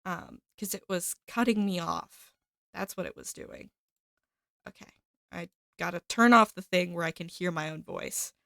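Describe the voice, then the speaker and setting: Slightly congested from a cold, a chatty streamer talks to her chat and thanks subscribers in an upbeat, casual live stream from home, using a desk microphone and headphones. Her lowish voice is creaky, pushed and bright, with lively intonation and a measured pace, recorded cleanly with no room sound.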